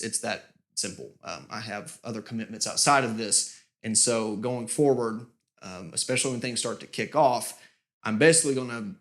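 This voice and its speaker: A man casually giving a channel update with lots of fillers, his voice booming with reverb in a nearly empty studio room. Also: fairly bright tone. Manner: rambling, many fillers and restarts. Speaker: music channel host.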